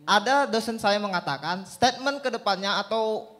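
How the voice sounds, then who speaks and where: A man's voice: high-pitched, moderate pace, sharp tone, long reverb tail. A young man, a student, asking a doctor a question in a hesitant, polite way with nervous laughs. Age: young adult.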